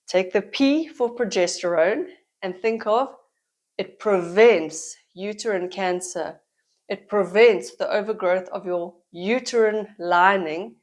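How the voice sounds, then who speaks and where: Speaking to the camera, a middle-aged women's health educator explains a topic in a mid-range voice made a little croaky by a head cold. Her teaching manner is warm and steady, and she stresses key words and repeats them for emphasis.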